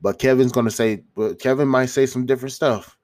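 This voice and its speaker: A man's voice: medium pitch, steady tone, brisk, darkish tone. A man with a stuffy, congested nose gives casual motivational advice to viewers, rambling in slangy, sweary language and often restarting his phrases. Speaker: YouTuber giving self-improvement advice.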